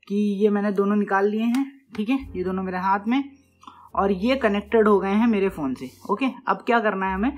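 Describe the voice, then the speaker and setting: A man hosting a casual, step-by-step tech tutorial, explaining in a chatty way and often checking in with viewers. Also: high-pitched. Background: faint music playing from his phone.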